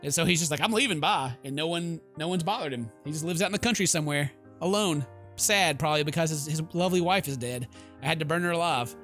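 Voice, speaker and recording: This is a let's play where the male host reads game text aloud dramatically, then drops into joking, offhand reactions. His voice is a bit high and fairly bright, he talks fast, and game music runs in the background.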